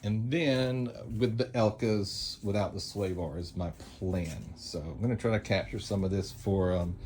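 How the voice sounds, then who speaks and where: A man casually narrating a product test, halting as he thinks aloud. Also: lowish voice, darkish tone, slight background noise. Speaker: off-road vehicle vlogger.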